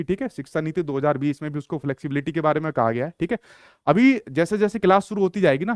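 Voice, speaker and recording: A young male teacher, a native Hindi speaker with a fairly high voice, lectures in an online exam-prep class. He repeats his points and poses rhetorical questions that he then answers himself. The recording is dry and studio-clean.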